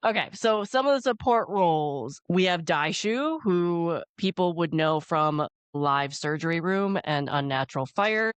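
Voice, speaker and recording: A woman co-hosts a relaxed, chatty review. She speaks informally and tends to correct herself mid-thought. The sound is dry, with very little room in it. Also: lowish voice, measured pace, hardly any pauses, clear, resonant tone, dry recording. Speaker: co-host of a drama review show. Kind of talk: casual review chat.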